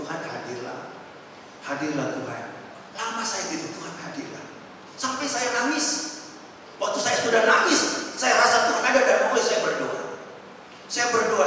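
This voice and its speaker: A male pastor preaching a sermon and telling a story dramatically, swinging from soft talk to loud acted quotes. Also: sits high, noisy background. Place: large echoey church hall. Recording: roomy hall reverb from far off.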